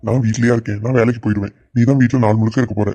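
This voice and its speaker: A man's voice: lowish voice, fairly even intonation, racing, mellow, no echo, close to an everyday voice. A man voicing a placating young village husband, in a cartoon. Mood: pleading. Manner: pleading, peacemaking. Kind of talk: cartoon voice acting.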